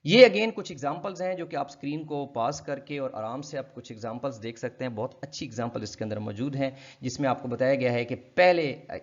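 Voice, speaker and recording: A man giving a linguistics lecture, explaining step by step and repeating example words slowly. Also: medium pitch. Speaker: linguistics teacher. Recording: dull lo-fi recording.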